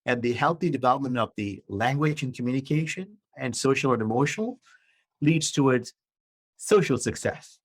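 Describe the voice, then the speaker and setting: A man's voice: medium pitch, expressive, normal speed, husky, no echo. A middle-aged man from Malaysia, a guest author and coach explaining his ideas in a podcast interview in a structured way, often checking in with "right?".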